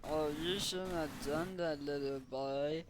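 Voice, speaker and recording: A man's voice: on the high side, takes it slowly, background noise. A man voicing an evil male animatronic bear robot, scolding and threatening.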